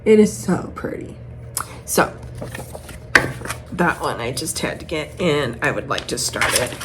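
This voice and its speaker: Showing off patterns to camera, this craft vlogger gushes and muses aloud in a low voice with big swings in pitch and a measured pace. She's a cross-stitcher talking casually, with noticeable room noise in the background.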